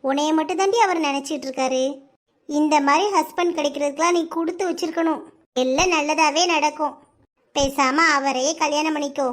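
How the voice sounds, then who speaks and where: A woman's voice: high voice, fairly even intonation, a little fast, close to an everyday voice. A woman with a Kanyakumari Tamil accent voicing a young woman's insistent, teasing best friend in a cartoon. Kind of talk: cartoon voice acting.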